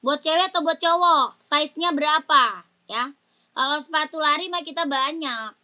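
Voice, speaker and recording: A woman's voice: high voice, moderate pace, sharp tone. A woman with selling shoes on a live stream, chatty and urging viewers to comment and check out. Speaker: live-stream shoe seller.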